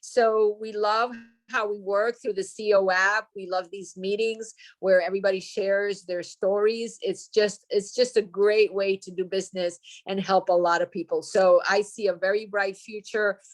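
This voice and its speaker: A woman's voice: medium pitch, fairly even intonation, normal speed. A woman who works as a dog trainer giving an earnest testimonial on a video call, with some fillers.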